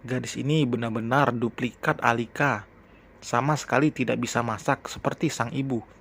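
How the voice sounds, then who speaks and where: A man with a mid-pitched voice narrates a storybook at a calm, steady pace. His reading is even and unhurried. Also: creaky, slight background noise.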